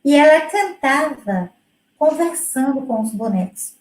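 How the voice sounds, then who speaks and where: Brief: middle-aged woman music educator, high voice, chatty and explanatory, echoey room. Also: lively intonation, measured pace, darkish tone. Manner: explanatory, with many fillers and restarts. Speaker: music educator presenting her work. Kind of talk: conversational presentation.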